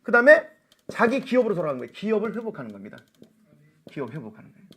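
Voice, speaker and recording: A middle-aged man preaching at a church seminar, animated and laughing often, calling out for amens. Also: high voice, rapid-fire, slightly rough. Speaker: missionary seminar speaker. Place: church sanctuary.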